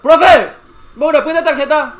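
Young guy yelling at a football game, super high bright voice, pitch jumping all over. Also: normal speed. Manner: excitable, shouts and cheers at each play. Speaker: football reaction host. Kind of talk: live match reaction.

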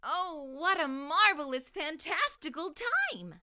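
Her voice sitting high, a bright, animated woman reads stories aloud to young children as a storytime host. She delivers them expressively and deliberately, speaking into a lapel mic.

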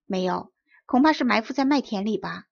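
Storybook brave boy, eager and earnest, read by a woman with a husky voice. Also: on the high side, animated, fairly quick, highs cut off. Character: brave young Italian boy scout, eager, fearless.

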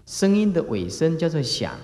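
A man giving a Buddhist sermon as a dharma master, full of filler sounds and acted-out calls. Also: normal speed. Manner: animated, acts out examples with sudden high calls; frequent filler particles like "ah" and "eh". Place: lecture hall. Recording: roomy lecture hall reverb.

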